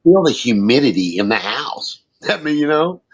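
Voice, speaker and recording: A man's voice: medium pitch, very animated, moderate pace, slightly rough. A man in his fifties chatting casually in a folksy way, swearing easily. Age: 50s. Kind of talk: casual chat. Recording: dull, muffled sound.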